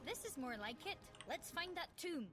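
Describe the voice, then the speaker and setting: An actress playing a brisk, practical female crew member in a video game. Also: very high-pitched, expressive, over music. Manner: brisk, no-nonsense.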